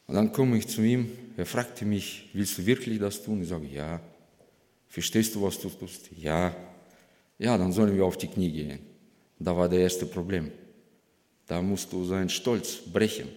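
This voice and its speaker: A deep-voiced man in his 40s from Kazakhstan, with a Russian accent and a darkish tone, shares his personal testimony as a guest speaker at church. He addresses the congregation in a large church hall, and the recording carries that space's long reverb.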